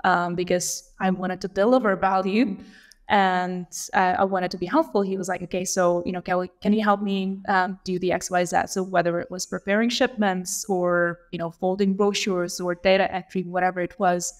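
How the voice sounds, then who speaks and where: Her voice fairly low and mostly flat in pitch, a woman in her thirties from Lithuania speaks at normal speed as a podcast guest. An operations leader, she reflects on her story in a casual interview, calling in over video with earbuds from a small room at home.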